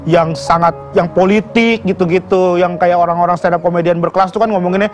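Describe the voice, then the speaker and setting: Young man from Bima, high excited voice. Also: a little fast, soft background music. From Bima, Indonesia. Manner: chatty, addresses the host as "Om", bursts into excited yelps. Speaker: stand-up comedian guest. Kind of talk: casual talk-show storytelling.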